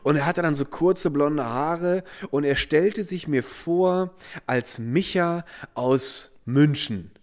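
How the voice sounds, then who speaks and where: A man's voice: fairly high pitch, slow pace. A man, telling an anecdote in casual chat and acting out the voices of the people in it. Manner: animated, acts out quoted voices, many fillers. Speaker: storyteller guest.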